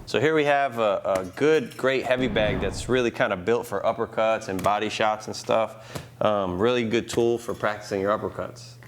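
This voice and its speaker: Speaking at a moderate pace over music, a man runs hands-on boxing drills in a gym where background noise is clearly heard. His phrasing is casual and repetitive with frequent "right?" tags, and he marks instructions with vocal punches like whoop, bang, boom.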